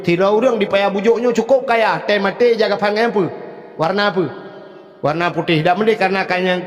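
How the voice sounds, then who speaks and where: Acehnese male preacher, high voice, joking storyteller, shouts out exhortations, long hall reverb. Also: lo-fi sound. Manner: jokey storytelling, breaks into loud shouted exhortation. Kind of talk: humorous Islamic sermon.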